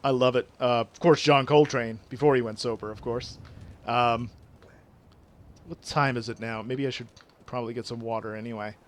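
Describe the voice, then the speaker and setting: A man with medium pitch and fairly even intonation speaks at a moderate pace. He's a native French speaker with a regional French accent, casually chatting with viewers on a game stream. Chatty and fond of big words, he reads their messages aloud.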